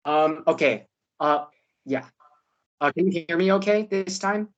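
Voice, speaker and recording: A man speaks over a video call whose connection keeps dropping, so his words come through choppy and clipped. His delivery is halting, with phrases breaking off mid-word. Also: fairly high pitch, muffled recording. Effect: choppy audio that keeps cutting out. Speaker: quiz host. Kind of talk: reading trivia questions on a video call.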